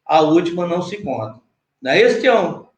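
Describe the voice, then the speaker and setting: A Brazilian cordel poet leads an online workshop over a video call, his fairly high voice very animated and brisk. He teaches patiently, step by step, checking in often with his guest, and the room echoes noticeably.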